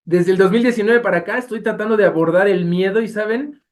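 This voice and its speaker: A Mexican man leading a Bible study lecture. He speaks in a lively, expressive way and keeps putting questions to the class. His delivery feels like a teacher working through a lesson. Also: high voice, quick pace. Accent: Mexican Spanish. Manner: animated, asks the class rhetorical questions.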